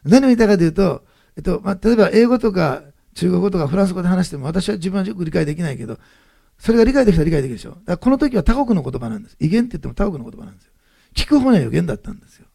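A man pastor, giving an animated, emphatic sermon that repeats key phrases. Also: sits high, very fast, vocal fry.

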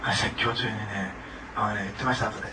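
Speaking fast in a lowish, steady voice, a man delivers a sermon as a pastor. He chats with the congregation, laughs a lot, and keeps asking them things. The microphone sits far off, so background noise comes through clearly.

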